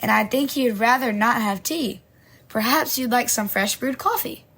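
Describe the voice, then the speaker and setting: A woman's voice: on the high side, normal speed, fairly bright tone, husky. A woman voicing a cheerful young male waiter who speaks in sing-song rhymes, in a hobby audio story. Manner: sing-song rhyming speech.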